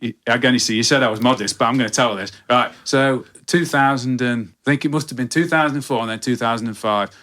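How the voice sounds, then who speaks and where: A man in his fifties with a thick Nottingham accent, chatting casually and self-deprecatingly, halting and doubling back as he tells rambling stories. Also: medium pitch, bright, forceful tone. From Nottingham, England. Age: 50s. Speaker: guitarist and guitar teacher, guest. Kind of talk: casual chat, rambling anecdotes.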